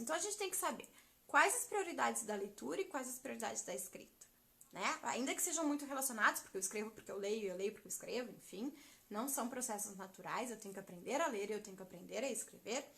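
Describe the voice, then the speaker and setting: Thirties woman, animated teacher-trainer on a live stream; high, bright voice. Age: 30s. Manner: chatty, animated, addresses viewers as "gente". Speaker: literacy teacher educator.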